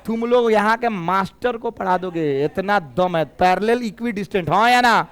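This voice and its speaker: A man's voice: sits high, normal speed, fairly bright tone, clean tone. A middle-aged man teaching physics in a classroom, with a Bhojpuri-tinged Hindi accent, teasing students and drilling them in call-and-response. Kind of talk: lively classroom lecture.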